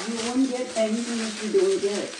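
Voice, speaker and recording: A Trinidadian woman talks in a teasing, playful way in her home kitchen. She stands a little off the mic, and her voice bounces around the room over steady background noise. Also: fairly high pitch, a little fast. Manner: teasing, laughing dialect speech. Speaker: home baker and guest. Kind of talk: casual kitchen chat. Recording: roomy, distant, noisy room.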